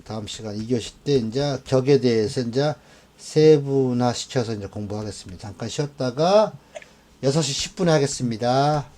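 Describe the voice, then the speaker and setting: A man teaching a class of students, animated and often checking that they follow along. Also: medium pitch, moderate pace, a little hiss or hum. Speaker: fortune-telling teacher. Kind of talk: classroom lecture.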